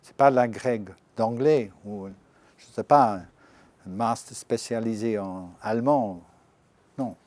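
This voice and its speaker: A man's voice: on the low side, takes it slowly, darkish tone, dry recording. A middle-aged man giving an informal presentation to exam candidates, chatty, with joking asides and slips into English. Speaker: language centre director presenting exam.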